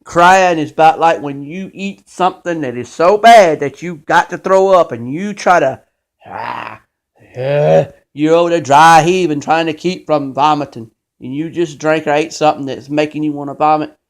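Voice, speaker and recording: A man's voice: a little high, moderate pace. A man hosting his own show, delivering an impassioned, scolding monologue about faith. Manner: preachy, emphatic, scolding. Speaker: show host.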